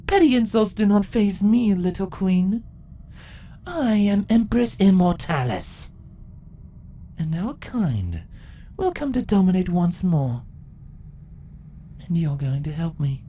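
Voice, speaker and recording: A woman voicing an ancient changeling empress in a fantasy story, a calm, condescending and menacing villain who speaks deliberately. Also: medium pitch, voice pushed up. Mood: commanding, menacing.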